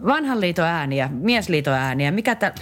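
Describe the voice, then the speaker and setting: A woman's voice: lowish voice, big pitch swings, slight background noise. A woman co-hosting a comedy podcast, talking in a theatrical, mock-formal way. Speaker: podcast co-host.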